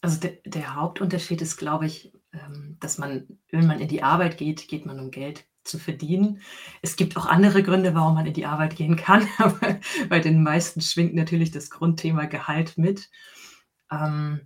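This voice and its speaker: This is a middle-aged woman from Saxony who works as a coach. She answers interview questions earnestly and at length, explaining step by step and breaking into soft laughs. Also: deep voice, steady tone, moderate pace. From Saxony, Germany. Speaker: coach and guest.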